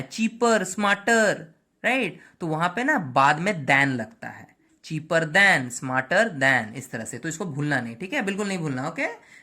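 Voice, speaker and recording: A woman teaching English grammar, moving between Hindi and English, slowing down to spell out each English example and checking in with "right?" and "okay". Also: lowish voice, pushed and bright. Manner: mixes Hindi and English, slow over English examples. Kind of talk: classroom lesson.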